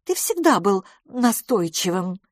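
A woman plays a flighty young society woman, coy and cautious. Her lines come out airy and hesitant, lifted up high. The recording is dry and close. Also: sing-song, a little slow, no room sound.

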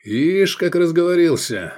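A man's voice: on the high side, very animated, measured pace, darkish tone, pitched above the performer's own voice. A man voicing a commanding male warrior who interrogates in a curt, grumbling manner.

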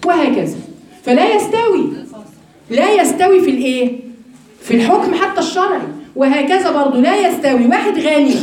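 A woman with an Egyptian accent giving a religious lesson to women, animated and full of rhetorical questions to her listeners. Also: high voice. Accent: Egyptian Arabic. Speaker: religious teacher. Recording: very echoey room from far off mic.

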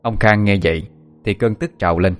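A man narrating a dramatic story in steady scripted narration. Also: fairly low pitch, a little fast, soft background music.

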